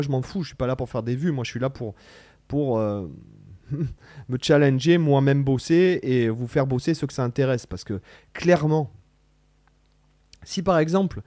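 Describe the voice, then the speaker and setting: A man rants casually to his camera about guitar playing, in a mellow, darker voice. He talks in bursts, stressing words hard, trailing off and restarting often. The sound is dry and close, with no room around it. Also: mid-range voice, no room sound. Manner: animated, rambling, emphatic, slangy, many restarts. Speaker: guitar teacher vlogger. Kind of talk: casual spoken vlog to camera.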